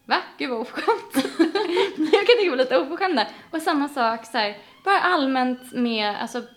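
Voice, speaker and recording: A woman from Sweden in casual conversation, telling stories animatedly and acting out the voices of people she quotes. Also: sits high. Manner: animated storyteller, acts out quotes. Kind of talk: casual chat.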